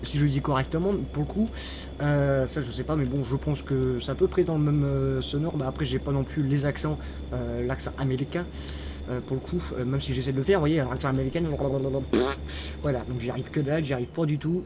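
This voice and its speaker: A man's voice: medium pitch, quick pace, background noise. A man giving casual, rambling gameplay commentary, full of fillers and playful asides. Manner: chatty, rambling, many fillers and restarts. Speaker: gaming YouTuber.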